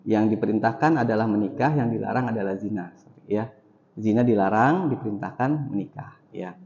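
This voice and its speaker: A man's voice: lowish voice, brisk, a little mellow, slight background noise. A man giving an Islamic study lecture in a mosque, repeating each point for emphasis. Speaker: Islamic teacher. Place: mosque hall. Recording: echoey hall, dull lo-fi sound.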